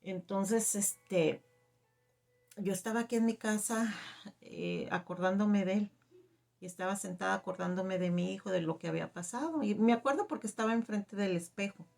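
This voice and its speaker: Woman giving a halting testimony. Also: medium pitch, gravelly, a little mellow, soft background music. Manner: halting, emotional storytelling with many fillers. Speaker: testimony giver. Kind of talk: personal faith testimony.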